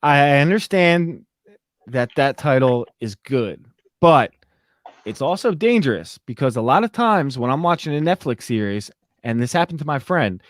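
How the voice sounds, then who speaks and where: Young guy on a podcast, chatty, dry close sound, mid pitch. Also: normal speed, no room sound. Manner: animated, recaps plot with quoted voices. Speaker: podcast host. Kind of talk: casual podcast review chat.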